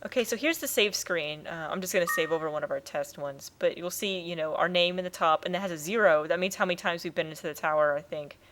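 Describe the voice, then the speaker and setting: A woman's voice: fairly low pitch, quick pace, hardly any pauses, noisy background. A woman hosting a let's play, chatting casually and explaining the game as she plays.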